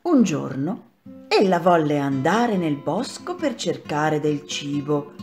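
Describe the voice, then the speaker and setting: Slow, expressive woman reading a fairy tale. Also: sits low, faint music behind. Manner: slow, expressive, playful repetitions. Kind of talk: storybook narration for children.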